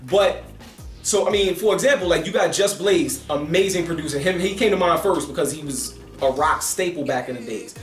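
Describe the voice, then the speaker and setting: A man giving a casual, animated album review, talking emphatically and with his hands. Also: a little high, a little fast, reverberant, soft background music. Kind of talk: casual commentary.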